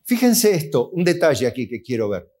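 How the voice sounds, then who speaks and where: A man's voice: mid-range voice, big pitch swings, fairly quick, a little mellow. A man with an Argentine Spanish accent, a pastor preaching a sermon, asking the congregation questions and answering them himself, and acting out voices of God and of complaining believers.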